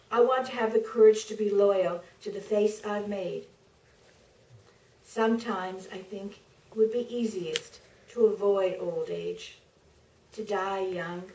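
Filmed from the audience in a roomy theater, a middle-aged author gives a staged reading from her own book at the podium. She speaks deliberately in a mid-range voice with pauses for effect, sounding far away since the podium mic is picked up by a distant camera.

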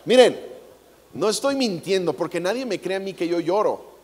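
A playful Mexican preacher with a high, expressive male voice delivers a comedic sermon on a large theater stage, speaking at normal speed in a Mexican Spanish accent. He jokes around and acts out quotes into a handheld mic, and the hall adds a long reverb.

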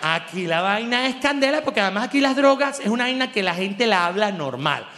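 High-voiced Venezuelan comic, animated. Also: male voice, a little fast, long reverb tail, a little hiss or hum. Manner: animated, laughing, acts out quoted voices. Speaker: comedy show host. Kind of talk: stand-up comedy monologue.

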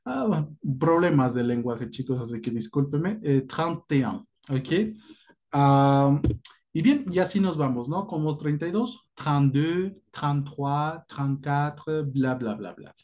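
A man teaching a French lesson in Spanish, calm and reassuring, slowing down to model each French word. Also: on the high side, muffled recording, a little hiss or hum. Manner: patient, reassuring, slows down to model French pronunciation. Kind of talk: online language lesson. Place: indoors at a whiteboard.

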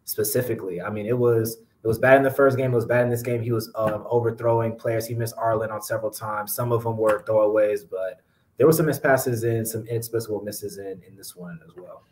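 A young man, a sports reporter, giving measured postgame analysis on a podcast over a video call. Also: fairly low pitch, a little hiss or hum, poor audio. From Georgia, US. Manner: measured, explanatory, steady. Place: small indoor room. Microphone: webcam on a video call.

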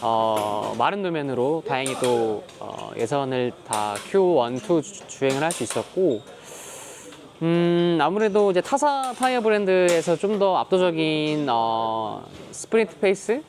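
A man giving a casual, measured recap as a racing driver being interviewed, choosing his words with hesitant pauses. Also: on the high side, lively intonation, darkish tone. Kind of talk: casual post-qualifying recap to camera. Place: busy racing paddock or garage. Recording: clearly noisy on-location recording.

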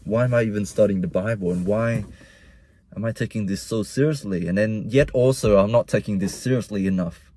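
Soft-toned man with mixed Vietnamese-Australian accent. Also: on the low side, brisk, husky, no room sound. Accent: Vietnamese-Australian mix. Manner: soul-searching, rambling, repeats himself. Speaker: vlogger. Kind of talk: casual personal monologue.

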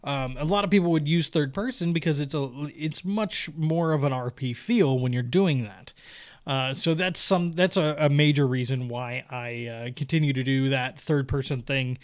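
A man's voice: medium pitch, normal speed. A young man in casual solo commentary, reading viewer comments aloud and answering them in a rambling way with many fillers and restarts.

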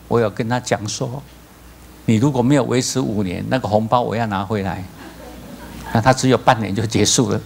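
A male pastor with a Taiwanese accent preaching a sermon, telling stories with lively acted-out voices. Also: on the low side, creaky, slight background noise. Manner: animated storytelling, acts out voices, laughs.

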